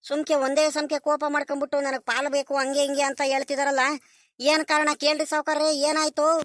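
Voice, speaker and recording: A woman's voice: high voice, flat delivery, brisk, a bit bright, dry recording, clean studio sound. A woman voicing a fussing village servant who keeps urging her master to ask what is wrong. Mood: puzzled. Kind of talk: animated cartoon voice acting.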